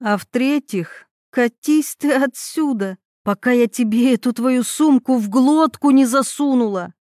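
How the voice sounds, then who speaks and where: A tough young woman snaps back with blunt, hoarse threats, as a woman narrator puts her on. Her voice sits high, and the audiobook recording is dry and close. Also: measured pace, darkish tone, dry recording. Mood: fierce angry.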